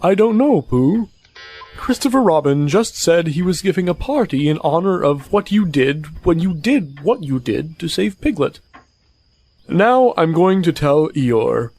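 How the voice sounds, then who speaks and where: An actor, a woman, playing a dry, would-be wise owl messenger in a children's audio drama, deliberate and questioning. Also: on the low side, big pitch swings, mellow, slightly rough, full character voice. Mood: matter-of-fact.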